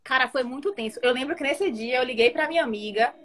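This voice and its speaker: A woman's voice: sits high, quick pace, fairly bright tone, a little hiss or hum. A woman with a Brazilian Portuguese accent telling a personal story in casual chat, dramatically acting out the dialogue.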